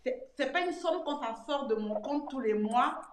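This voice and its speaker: A woman's voice: high-pitched, lively intonation, moderate pace. A woman in her thirties telling her own experience in a casual testimonial chat, talking freely, repeating words and retelling scenes from home. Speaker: interviewee giving a testimonial. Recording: echoey room with clear noise.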